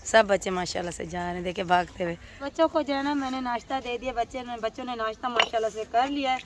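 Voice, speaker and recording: A woman's voice: on the high side, quick pace, slight background noise. Woman, sore throat; chatty, step-by-step narration of chores, outdoor courtyard with faint ambience. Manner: chatty, explaining each step, often says "jo hai na". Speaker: village family vlogger. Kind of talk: casual narration of household chores. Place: outdoor village courtyard in fog and wind.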